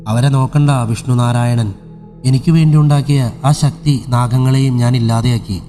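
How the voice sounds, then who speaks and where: A man's voice: medium pitch, steady tone, moderate pace, mellow, faint music behind, lightly acted. A man voicing Yakshami, a vengeful female spirit. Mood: menacing.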